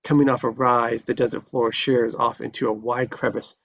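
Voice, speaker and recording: This is scripted screenplay narration at a live table read: a man voices the stage directions descriptively, like a storyteller. His gravelly, fairly bright voice sits at medium pitch, level in tone and moderate in pace. The lo-fi recording is dull and carries faint noise.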